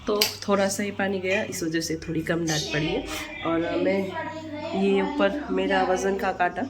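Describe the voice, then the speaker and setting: A woman's voice: mid-range voice, level tone, moderate pace. Chatty young woman vlogging at home. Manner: chatty, self-mocking, laughs at herself. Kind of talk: casual home vlog narration. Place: family home, indoors and on a rooftop.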